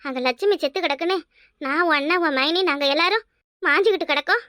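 Woman doing a shrill nagging mother-in-law for a cartoon, kanyakumari tamil, fast and loud. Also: no echo, studio quality. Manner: nagging, shouting. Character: quarrelsome village mother-in-law grieving a dead cow. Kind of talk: cartoon voice acting.

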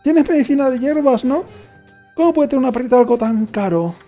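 A man voicing an anxious young girl in a video game, in a high, eager and pleading tone. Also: expressive, a little fast, warm tone, soft background music. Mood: excited.

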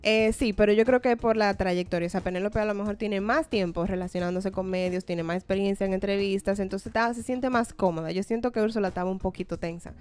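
A woman English teacher co-hosting a radio show, explaining points in a casual, lively way into a studio mic. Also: medium pitch, fast, few pauses, smooth. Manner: explanatory, lively, laughs often.

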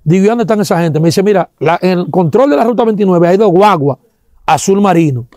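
Dominican guy telling his testimony real fast, acts out the sounds, kinda dark voice. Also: sits high, animated, dry recording, clean studio sound. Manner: acts out sounds and quotes, religious exclamations. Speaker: interviewee giving a testimony. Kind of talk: animated storytelling testimony.

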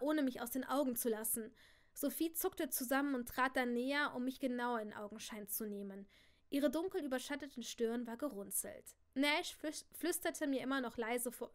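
A woman reading a novel aloud in a live stream, often stumbling and correcting herself. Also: high-pitched. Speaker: audiobook reader.

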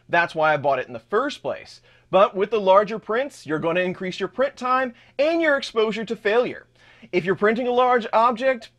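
A man in his thirties hosting a hands-on 3D printer build vlog in his home workshop, explaining parts as he shows them. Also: sits high. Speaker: channel host.

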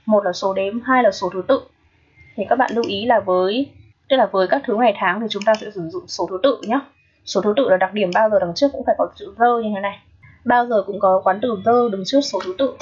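A woman's voice: medium pitch, slightly rough, highs cut off. A woman English teacher, patiently walking students through an exam review and checking in with frequent rhetorical questions.

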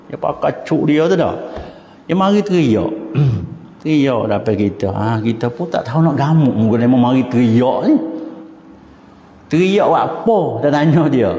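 A man's voice: medium pitch, mellow. A man with a Patani Malay accent giving an informal religious lecture in a mosque, chatty and explanatory, chanting verses now and then. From southern Thailand. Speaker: religious teacher. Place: mosque hall. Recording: echoey hall, dull lo-fi sound.

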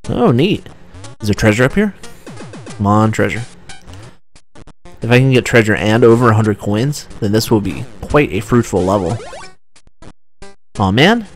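A young man giving casual, chatty commentary while playing a video game, often excited and restarting his sentences. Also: on the low side, measured pace, long pauses. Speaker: let's play commentator. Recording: faint game music behind.

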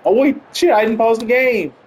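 A man giving excitable, profane live commentary while playing a video game. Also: very high-pitched, moderate pace, rough recording. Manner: excitable, profane, swings between panic and triumph. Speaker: gaming channel host. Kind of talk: live let's-play commentary.

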